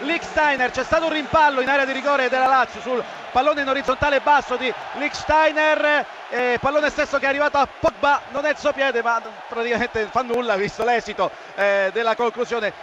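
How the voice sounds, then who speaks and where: A man from Italy giving live radio match analysis as second commentator, in a raised voice with halting phrasing. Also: very high voice, fairly even intonation. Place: football stadium commentary position. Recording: dull lo-fi feed with loud crowd. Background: noisy crowd.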